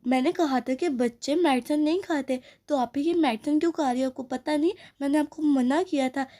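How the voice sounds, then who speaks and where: A woman's voice: sits high, fairly quick, mellow, close to an everyday voice. A woman voicing a strict mother doll who scolds and bosses her daughters, in a doll play story. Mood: scolding. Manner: scolding, bossy.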